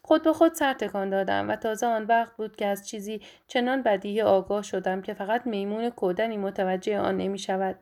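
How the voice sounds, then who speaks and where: A woman narrating a first-person story in a measured, steady audiobook reading. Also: medium pitch.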